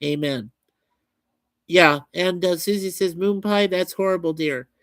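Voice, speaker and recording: A man's voice: sits high, a little slow, a bit bright, dry recording. A man hosting a livestream, casually reading out and answering viewer comments in a chatty, folksy way. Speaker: livestream host reading chat. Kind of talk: casual chat.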